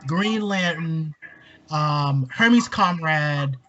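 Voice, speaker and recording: A man from Maryland in a casual podcast chat, talking in a rambling, animated way with lots of fillers. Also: on the high side, drawn-out words. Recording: dull lo-fi sound with faint hiss.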